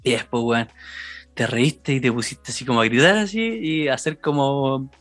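A young man with a Chilean accent, telling a story in casual slangy chat, animated and often laughing. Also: medium pitch, moderate pace, dry recording, soft background music. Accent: Chilean Spanish.

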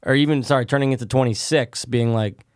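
A man's voice: medium pitch, quick pace, no room sound, clean studio sound. A man co-hosting a podcast, reacting in a laid-back casual chat. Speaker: podcast co-host.

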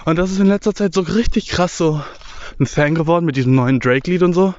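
A man's voice: a little high, fast, darkish tone, highs cut off. A young man talking casually while walking through a forest, slangy and rambling, a bit out of breath. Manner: slangy, mixes English words, rambling. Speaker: vlogger. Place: outdoors in a forest.

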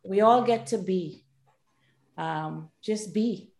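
Gravelly woman, echoey room. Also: medium pitch, slow pace, darkish tone. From Trinidad and Tobago. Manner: hesitant, frequent ums. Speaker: panel speaker, leadership coach. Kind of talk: personal storytelling.

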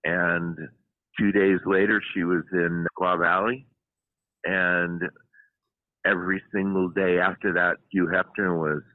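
A man, a film writer and producer, telling lively anecdotes in an interview with frequent restarts. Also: low voice, a little slow, dry recording, narrow, tinny audio. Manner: animated anecdotes, many restarts. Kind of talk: storytelling interview.

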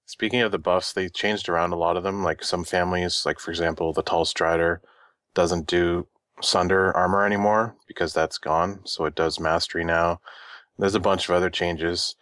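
A man with a low voice and very little melody answers game questions in a matter-of-fact way. He hesitates with fillers between his points. The sound is dry and close. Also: steady tone, normal speed, a bit bright, no echo. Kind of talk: casual gaming podcast chat.

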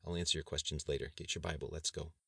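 A protective young father speaks firmly in short phrases, with a very deep, low voice, read by a male narrator. The sound is dry and close. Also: flat delivery, quick pace, creaky, breathy edge, no room sound, exaggerated voice. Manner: firm, low and clipped.

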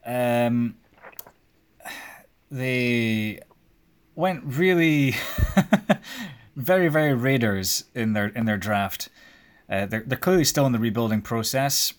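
A man's voice: on the low side, fairly even intonation, unhurried. A young man, hosting a casual sports chat with his father and rambling in a chatty way, full of fillers. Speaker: podcast host.

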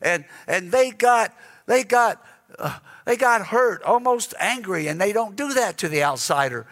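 An earnest man preaching from the pulpit in a slightly higher voice than most men. His speech often stumbles into repeated words as he tells his story. A long reverb hangs behind him, as in a big church hall. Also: lively intonation, unhurried, a bit bright. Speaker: guest preacher. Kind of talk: sermon storytelling. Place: church sanctuary.

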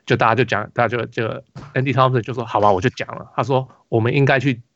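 This podcast host, who has a Taiwanese Mandarin accent, talks fast in a steady, medium-pitched, slightly bright voice while spinning a rambling basketball story packed with restarts and fillers. The audio has no echo but sounds dull.

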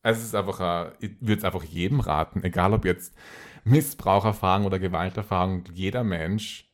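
A man's voice: sits low, normal speed. A man with an Austrian accent talking casually and personally as an interview guest, repeating phrases for emphasis.

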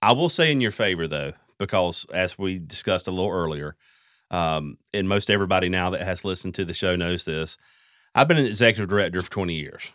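Low-voiced man hosting a podcast. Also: animated, a little fast, fairly bright tone, no echo, clean studio sound. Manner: conversational, lots of fillers and restarts. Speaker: podcast host. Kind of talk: casual interview chat.

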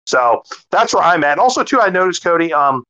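A man co-hosting a casual podcast chat, excitable, swearing freely and stumbling over his words. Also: a little high, a little fast, highs cut off. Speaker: podcast co-host.

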